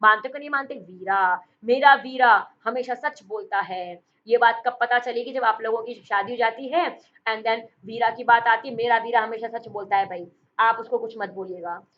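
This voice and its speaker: A woman's voice: on the high side, normal speed, lo-fi sound. A woman teaching vocabulary for exam prep, with playful memory tricks and jokes, calling her students beta and bhai.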